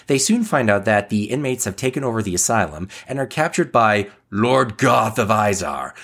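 A man hosting a review show, delivering scripted commentary. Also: mid-range voice. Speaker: host of an episode review show.

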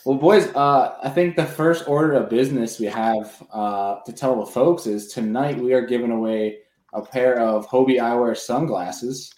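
A man's voice: mid-range voice, normal speed, darkish tone. A man hosting a live podcast in a casual, buddy-like way. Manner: informal, buddy-like address. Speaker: podcast host. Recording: roomy, echoing sound.

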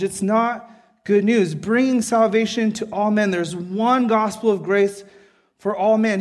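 A man preaching a sermon earnestly, often checking in with the listeners by asking "right?". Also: high-pitched. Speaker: pastor.

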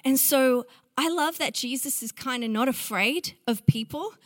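A woman preaching a sermon in an animated way, with playful asides to the congregation. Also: high voice, moderate pace, dry recording.

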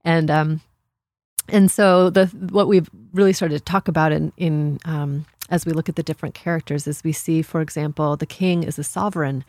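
A woman with a low voice talks as a podcast guest. She explains in a thoughtful, conversational way, sometimes halting to find her phrasing, in a dry recording. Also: steady tone, a little mellow, no room sound. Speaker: podcast guest, women's Bible study teacher.

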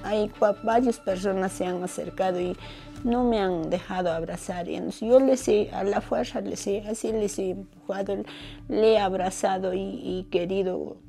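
A Peruvian mother recalls finding her wounded son, speaking in halting, quiet testimony. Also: medium pitch, fairly even intonation, gravelly, soft background music. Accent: Peruvian Spanish. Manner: halting, quiet, grief-stricken. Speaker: mother of a victim. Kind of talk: documentary testimony.

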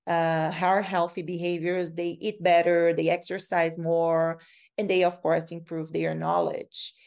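A woman's voice: lowish voice, darkish tone. A woman from Brazil with a Brazilian Portuguese accent, a native Portuguese speaker, answering interview questions as a researcher in an earnest, explanatory way. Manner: earnest and explanatory, repeats and restarts words. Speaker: guest researcher.

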